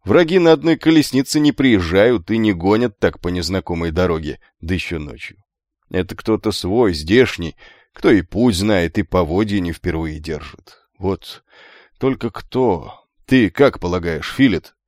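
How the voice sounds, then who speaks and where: A man voicing a grumpy, gruff older gate-guard chief with a nasal, scolding manner in an audiobook. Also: sits low, expressive, unhurried, darkish tone, no echo, studio quality.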